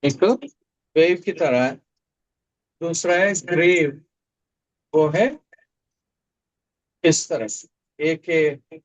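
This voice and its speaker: A man's voice: a little high, drawn-out words, long pauses, rough recording. A man teaching a Greek class in a classroom, explaining step by step and repeating the key words. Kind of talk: classroom lecture. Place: classroom with a board.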